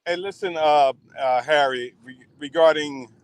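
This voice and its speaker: A man speaking slowly in halting, stammering starts over a glitchy, breaking-up call line during casual sports talk. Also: on the high side, clean tone. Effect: glitchy, breaking-up call audio. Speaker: guest panelist on call. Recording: choppy internet call, distant sound.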